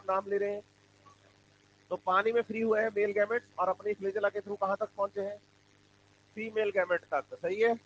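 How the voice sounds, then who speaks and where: High-voiced man drilling a biology class. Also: dull audio, slight background noise. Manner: drills students with repeated questions and answers. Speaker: biology teacher. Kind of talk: classroom lecture with call-and-response.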